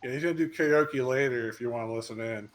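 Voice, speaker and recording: A man's voice: mid-range voice, quick pace. A man in his fifties telling stories in an easygoing casual chat. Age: 50s.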